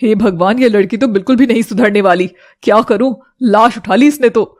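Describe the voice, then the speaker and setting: A woman's voice: on the high side, brisk, a little mellow, lightly acted. A woman voicing a cruel, taunting stepmother in a storybook drama, with a harsh, cackling manner. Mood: scolding. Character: cruel, gloating adult stepmother.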